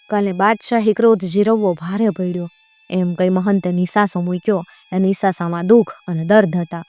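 A woman narrating a dramatic historical folk tale, lending the story an expressive voice. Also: fairly low pitch, no room sound. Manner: expressive, raises voice for shouted lines.

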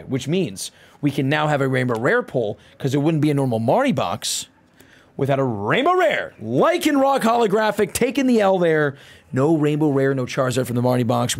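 Excitable young man streamer, very lively pitch. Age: young adult. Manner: excitable hype talk, swinging from low asides to loud calls; slangy, bro-heavy way of talking. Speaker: live streamer opening card packs. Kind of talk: casual livestream chat with viewers. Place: indoor streaming room at home.

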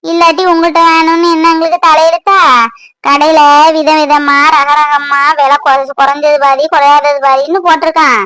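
A proud, gossipy cartoon shopper, voiced by a woman, argues indignantly in a very high voice. She boasts about her bargains. The sound is dry and close. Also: little pitch movement, normal speed, a bit bright, no room sound. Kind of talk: cartoon voice acting.

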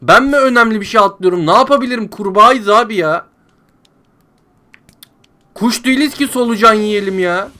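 A man commenting on his own gameplay as a let's-play host, talking to his viewers like friends, grumbling in frustration and shouting when things go wrong. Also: high-pitched, normal speed, long pauses. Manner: exasperated, talks to viewers as friends, yells when panicking. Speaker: gaming YouTuber.

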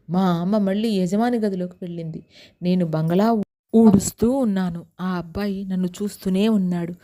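Woman, Telugu accent, first-person storytelling, mellow dark voice, steady pace. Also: on the low side.

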